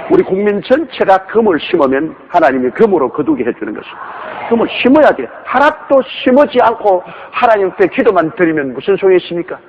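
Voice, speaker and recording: A man's voice: on the high side, a little hiss or hum. A male pastor preaching a sermon emphatically, with many rhetorical questions, in a dull, reverberant recording.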